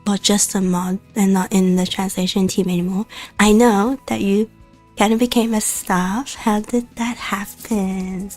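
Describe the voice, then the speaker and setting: A woman's voice: medium pitch, fairly even intonation, a little slow, a little mellow, soft background music. A woman hosting a casual podcast, asking questions and laughing often. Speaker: podcast host.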